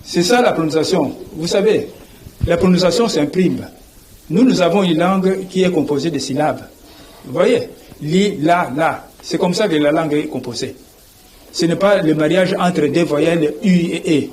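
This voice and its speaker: A man teaches like a professor, spelling words out letter by letter and checking that you follow. His voice sits a little high, with a faint hiss of noise behind it. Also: moderate pace, a little mellow, poor audio. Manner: didactic, repeats "vous voyez", spells out letters. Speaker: guest, language professor. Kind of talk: TV interview, explaining.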